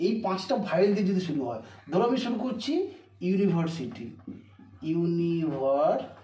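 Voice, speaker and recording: High-pitched man teaching in an echoey room. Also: big pitch swings, darkish tone. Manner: repeats words slowly, asks and answers own questions. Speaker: English teacher. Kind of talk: classroom grammar lesson. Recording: echoey room, mic far off.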